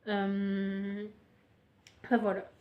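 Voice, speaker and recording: A woman's voice: mid-range voice, monotone, extremely slow, muffled recording. A young woman casually presenting her knitting projects on camera, hesitant and full of fillers, chatty and self-mocking. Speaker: knitting podcaster.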